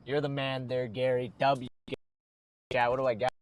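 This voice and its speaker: An American storm chaser chats casually on a livestream from inside a vehicle. His mid-range voice stays level at a moderate pace.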